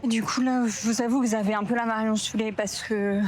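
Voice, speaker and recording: A woman's voice: fairly high pitch, fairly even intonation, fairly quick, darkish tone. Rambling young woman vlogging outdoors. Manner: rambling, self-mocking, slangy, many fillers. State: upset and hungry. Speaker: travel vlogger. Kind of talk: casual vlog chat to camera. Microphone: camera mic.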